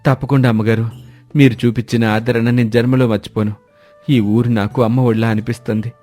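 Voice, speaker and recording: A man's voice: medium pitch, level tone, fairly quick, warm tone, faint music behind, lightly acted. A man voicing a poor, hard-working laborer who humbly and earnestly thanks his employer. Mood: grateful.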